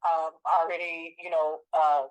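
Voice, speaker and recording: A woman in her forties with a slightly low voice, talking in a casual, reflective way. She often stops to restart a thought or add a filler. Her tone is conversational and personal. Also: little pitch movement, a little slow, smooth, lo-fi sound. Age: 40s. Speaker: co-host.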